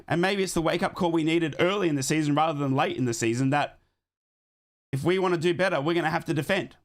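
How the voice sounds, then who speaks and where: A man hosts a live football watchalong, chatting casually as he reads out live scores and thanks viewers for donations. He's a bit sick and losing his voice, and his pitch is fairly high.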